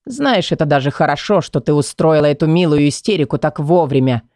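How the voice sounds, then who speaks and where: Female reader voicing a vicious, commanding young man, low growl, close dry mic. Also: lively intonation, a little fast, dark tone, no echo. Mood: menacing. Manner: snarling, threatening, low menacing whisper. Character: cruel menacing young man, domineering and vulgar.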